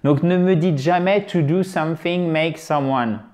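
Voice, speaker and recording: A man who speaks French as his first language, teaching an English lesson to the camera in a lively, chatty way and joking at his own expense. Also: on the high side, unhurried.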